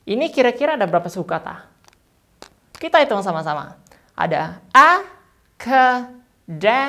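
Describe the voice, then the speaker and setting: Lively woman teaching English pronunciation. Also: on the low side, vocal fry. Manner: slow, stretched model words between quick explanations. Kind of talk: friendly online lesson.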